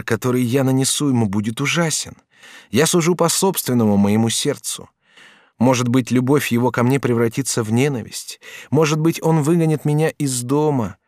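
A man's voice: mid-range voice, no echo, clean studio sound, pitched above the performer's own voice, natural voice. A man reading an audiobook, voicing a passionate, anxious young male apprentice who speaks in rising, impassioned questions.

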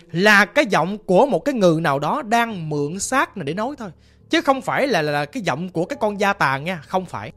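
A woman's voice: mid-range voice, fairly bright tone. A woman telling a ghost story in a chatty, vivid, conversational way, explaining things as she goes. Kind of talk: casual spoken storytelling.

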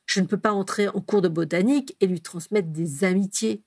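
A woman voicing an excited, breathless young boy who teases his brother, reading aloud in a dry, close recording. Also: medium pitch, brisk, husky. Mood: teasing.

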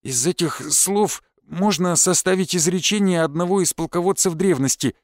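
A man's voice: high-pitched, normal speed, dry recording, studio quality, pitched above the performer's own voice, close to an everyday voice. A man voicing a timid, plump young man in glasses who stammers in fear. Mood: careful. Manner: stammering, fearful.

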